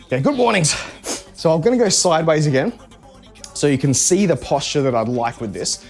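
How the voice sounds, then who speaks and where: A man's voice: on the high side, lively intonation, fairly quick. A man coaching a live workout in a casual, conversational way, cueing exercise moves step by step. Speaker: fitness coach. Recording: music behind the voice. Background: music.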